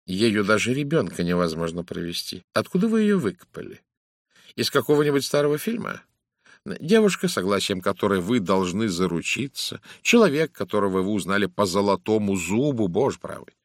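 A man's voice: on the low side, very animated, brisk, no room sound, clean studio sound. A man voicing a fussy older male detective who lectures suspects in a precise, theatrical manner. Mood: lecturing. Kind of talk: audiobook character reading.

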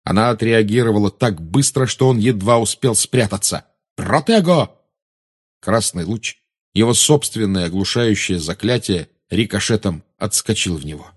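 A man narrating an audiobook in a dramatic, expressive style. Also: on the low side, moderate pace, husky.

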